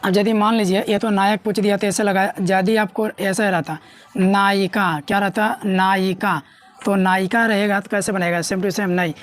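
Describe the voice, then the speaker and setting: A woman's voice: medium pitch, fairly even intonation, moderate pace. Woman teacher going thru grammar rules, keeps asking "what becomes?" and answering it herself. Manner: asks and answers her own questions. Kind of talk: classroom lesson explaining at a board.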